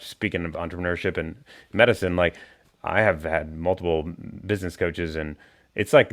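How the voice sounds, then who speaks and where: A man hosting a podcast in a relaxed, rambling way, full of fillers. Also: low voice. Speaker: podcast host. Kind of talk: casual podcast conversation.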